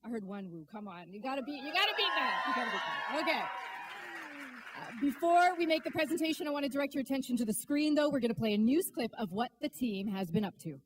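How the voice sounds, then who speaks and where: High-voiced woman hosting an awards night. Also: lively intonation, fast, noisy background. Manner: playful, coaxing the crowd. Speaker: awards host. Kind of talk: awards ceremony emcee.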